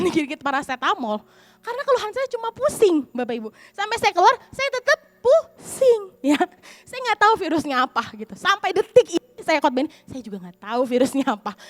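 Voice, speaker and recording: A young adult woman pastor preaching in church, telling a personal story with lively acted-out dialogue. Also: high voice, no room sound. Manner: lively storytelling, acts out quoted voices.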